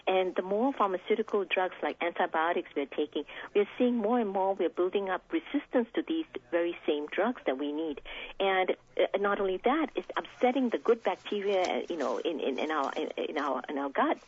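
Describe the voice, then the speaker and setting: A woman's voice: fairly low pitch, lively intonation, normal speed, slightly rough. Woman physician on a tinny phone line. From Singapore. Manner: explanatory, frequent fillers and restarts. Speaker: physician guest. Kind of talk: radio interview answers. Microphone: telephone.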